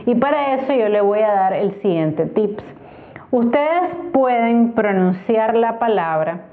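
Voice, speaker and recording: A woman teacher with a Nicaraguan Spanish accent walks through a grammar lesson, stretching words into syllables with patience. Her voice sits at a middle pitch. The sound is thin and phone-like. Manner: patient, spells out syllables slowly. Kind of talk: explaining a grammar tutorial. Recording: tinny phone-like recording.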